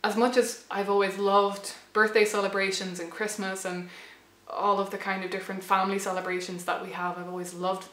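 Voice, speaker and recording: Reflective young woman, slightly hoarse. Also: medium pitch, flat delivery, a little fast, fairly bright tone, echoey room. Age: late 20s to 30. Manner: thoughtful, hesitant, many restarts and fillers. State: losing her voice a little. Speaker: channel host. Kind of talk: reflective personal vlog.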